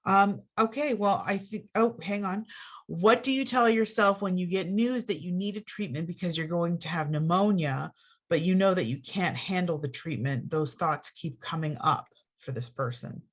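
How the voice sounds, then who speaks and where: A woman's voice: fairly low pitch, moderate pace, muffled recording. A woman moderating a webinar, friendly, reading audience questions aloud and thanking attendees. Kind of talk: hosting a live Q&A.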